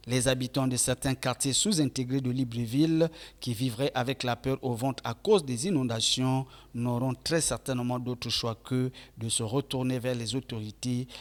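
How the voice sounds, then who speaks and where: A male reporter reading a scripted television news voice-over in a formal, measured way. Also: medium pitch.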